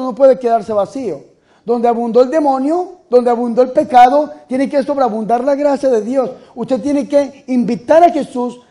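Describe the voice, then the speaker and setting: High-voiced fervent priest preaching. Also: male voice. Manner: fervent, swings between loud outbursts and soft asides. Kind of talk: charismatic sermon.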